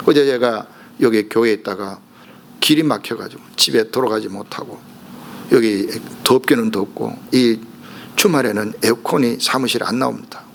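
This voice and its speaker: A man's voice: medium pitch, vocal fry, slight background noise. A middle-aged man, preaching a sermon as a pastor and acting out the cries in his story. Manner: animated preaching, acts out the blind man's cries.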